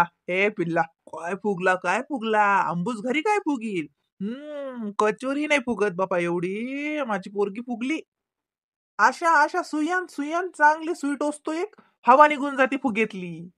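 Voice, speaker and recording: A woman voicing a gentle, coaxing father in an animated cartoon, with a Varhadi Marathi accent. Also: on the high side, measured pace. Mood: teasing. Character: soothing, indulgent cartoon father.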